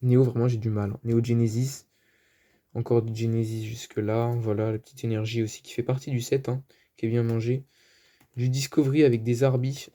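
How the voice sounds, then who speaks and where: Dark-toned French man chatting casually. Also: medium pitch, level tone, fairly quick. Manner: chatty, hesitant, many fillers. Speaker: card collector vlogger. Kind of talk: casual show-and-tell.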